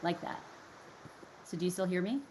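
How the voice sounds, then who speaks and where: A woman's voice: on the low side, normal speed, darkish tone, a little hiss or hum. A woman on a video call, chatting lightly while sorting out screen sharing. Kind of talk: online meeting chat.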